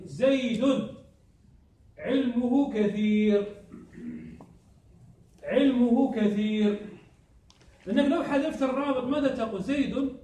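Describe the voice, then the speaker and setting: A man with a very high, slightly mellow voice teaches a grammar lesson, frequently pausing to quiz the class with prompt questions that students answer aloud. The room is echoey and the mic is distant.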